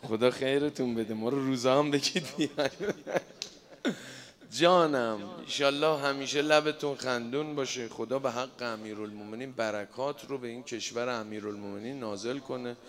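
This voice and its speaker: A man leading a mosque gathering as a religious eulogist, chanting devotional verse and telling folksy stories to the crowd. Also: mid-range voice. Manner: loud melismatic chanting, lively folksy storytelling, joking with the crowd.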